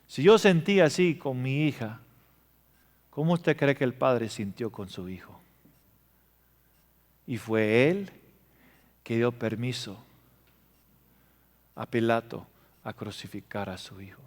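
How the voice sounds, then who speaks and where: A man preaching a sermon, telling emotional stories and swinging between loud passages and hushed ones. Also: medium pitch, slow pace, pauses often. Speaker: pastor. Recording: reverberant hall.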